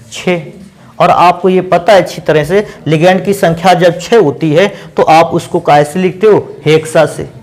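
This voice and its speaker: Man, high-pitched voice, chemistry teacher, patient classroom lecture, asks students questions.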